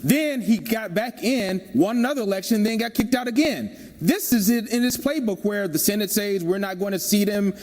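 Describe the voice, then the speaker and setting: A high-pitched male news guest giving live commentary in emphatic, declarative statements. His voice rings with a long reverb, like a big hall. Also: normal speed, a little mellow.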